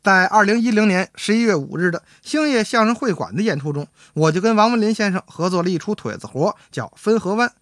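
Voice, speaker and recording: A man hosts a radio show in a chatty, playful storytelling style. His voice is fairly high, and his pitch bounces widely as he talks. The sound is dry and close to the mic. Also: animated, fairly quick, few pauses, a bit bright, no room sound. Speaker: radio host and crosstalk performer.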